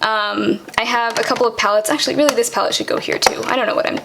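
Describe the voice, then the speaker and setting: A young woman vlogger casually walking through her makeup products, chatty and quick, with lots of "um" and "like". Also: a little high, fairly even intonation, vocal fry, background noise. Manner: fast, chatty, many fillers like "um" and "like". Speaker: beauty vlogger.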